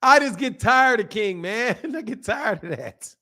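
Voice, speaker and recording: Unhurried and animated, a man in his fifties hosts a boxing channel's live stream and loosely responds to comments from chat. He has a fairly high male voice, hammers points by saying them over and over, and keeps breaking into laughter.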